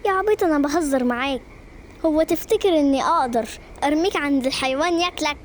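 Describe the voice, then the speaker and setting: Lady voicing a confident teasing big sister, high voice, faint background noise, animated story. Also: fast, lightly acted. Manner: teasing, reassuring.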